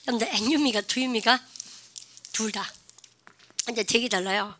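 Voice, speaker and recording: A middle-aged woman teaching English grammar in a classroom, lively and drilling her students with call-and-response prompts. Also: a little high, slow. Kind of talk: classroom lecture.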